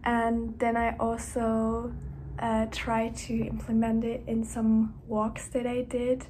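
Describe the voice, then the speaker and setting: A university student vlogger, a young adult, chats casually in a personal diary vlog with a soft, breathy voice that often sinks to a whisper. She speaks slowly in a monotone, fairly level pitch a touch high for a woman, and the rough recording has a faint hiss behind it.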